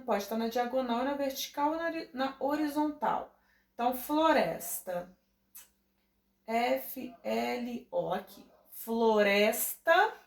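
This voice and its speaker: A woman teacher with a Brazilian Portuguese accent, giving a recorded class to young children and drawing out words slowly to sound out their syllables. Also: fairly high pitch, darkish tone. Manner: drawn-out, stretching words to sound them out for children. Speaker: primary school teacher.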